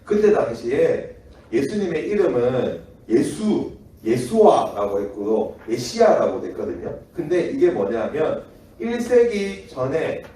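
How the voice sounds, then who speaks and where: Male children's preacher, Gyeongsang accent, animated and mellow, echoey distant hall sound. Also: mid-range voice, takes it slowly. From Daegu. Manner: lively, acts out quoted voices, laughs often. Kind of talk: children's sermon with storytelling. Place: church hall.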